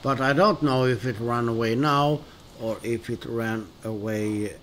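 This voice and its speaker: A man with a Swedish accent talks unhurriedly through his gameplay. He has an average-pitched voice and pauses often, restarting his sentences as he thinks aloud. A faint ambient hiss sits under him. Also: a bit bright. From northern Sweden. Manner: hesitant and musing, many pauses and restarts. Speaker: gaming video host. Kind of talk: relaxed let's-play commentary.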